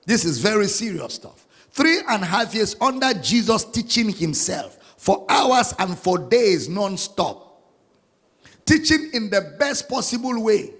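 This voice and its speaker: A man preaching a sermon as a pastor, singing out scripture lines and spelling words slowly. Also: high-pitched, a bit bright, long reverb tail.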